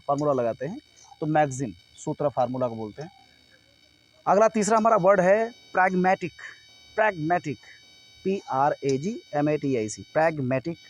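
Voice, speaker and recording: A young man teaching English vocabulary in Hindi, saying each word slowly several times and then explaining what it means. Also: fairly high pitch, darkish tone, poor audio.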